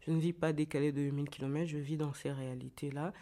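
Talking fast in a low, warm and steady voice, the Kinshasa-based novelist, once a journalist, responds to an interviewer. Her answers come out hesitant, full of restarts and repeated words.

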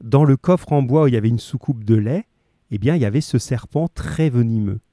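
Male teacher reading to a class; warm, dry, lively, asks questions. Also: mid-range voice, brisk, dry recording. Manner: lively, asks questions and stresses key words. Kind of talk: reading a story aloud to a class, then explaining it.

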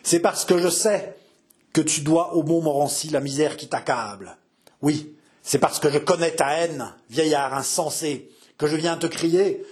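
A man's voice: a little high, a little slow, a little mellow, close to an everyday voice. A man doing a frenzied young nobleman. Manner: frantic, intense.

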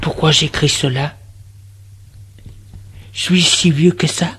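A man reading a first-person story aloud in a slow, intimate, tense way. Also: fairly high pitch, steady tone, bright, forceful tone, slightly rough.

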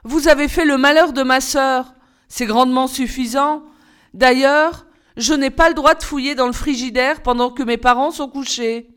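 Lady reading a sensible young woman, firm but polite, a bit higher. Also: fairly even intonation, moderate pace, a bit bright, clean tone. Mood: firm refusal.

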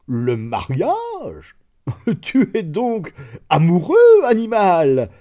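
A man voicing a jovial older male baron who speaks in a booming, laughing, incredulous way. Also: huge pitch swings, slow pace, dark tone, slightly rough, heavily acted. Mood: amused.

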